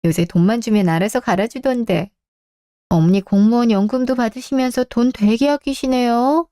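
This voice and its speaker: A politely cold young daughter-in-law, played by a woman in a radio drama, speaking with formal words but no warmth. Her voice is somewhat high and recorded dry and close. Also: normal speed, no echo, lightly acted. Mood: curt. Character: curt young-adult daughter-in-law, a teacher. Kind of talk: Korean radio drama acting.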